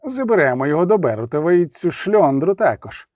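A man voicing a cold, menacing young nobleman who speaks with ominous calm and sneers. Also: on the high side, fairly quick, dry recording, clean studio sound.

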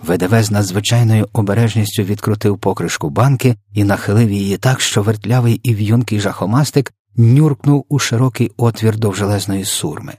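A man reading a children's story aloud in an expressive, dramatic narration. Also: fairly low pitch, brisk, slightly rough, no echo, clean studio sound. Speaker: audiobook reader.

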